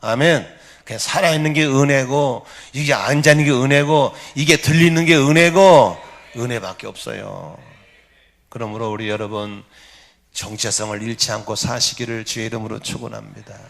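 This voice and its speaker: A middle-aged male pastor preaching a sermon in a church, emphatic, calling for amens and swinging between loud exclamations and soft asides. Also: medium pitch, fairly even intonation, normal speed, vocal fry. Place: church sanctuary.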